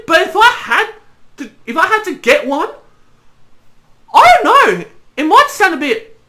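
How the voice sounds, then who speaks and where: A woman's voice: high voice, bright, forceful tone. A young Australian woman, a YouTuber, casually answering her followers' questions, rambling and repeating herself often. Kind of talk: casual Q&A chat.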